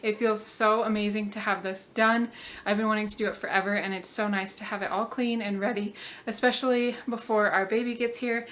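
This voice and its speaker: A woman's voice: medium pitch, fairly even intonation, brisk, fairly bright tone. Chatty young woman vlogging. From Colorado, USA. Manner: chatty, with frequent ums and likes. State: slightly out of breath. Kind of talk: casual vlog narration.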